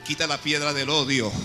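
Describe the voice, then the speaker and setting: A man's voice: mid-range voice, bright, forceful tone. A man preaching a sermon as pastor, impassioned, repeating phrases and calling on his congregation. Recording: echoey hall with faint music.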